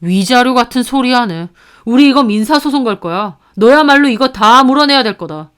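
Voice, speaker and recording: Storybook figure: a stern, furious older brother who yells at an employee, voiced by a woman narrator. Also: fairly high pitch, expressive, normal speed, clear, resonant tone, close to an everyday voice. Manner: furious, berating. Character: angry protective older brother, company manager.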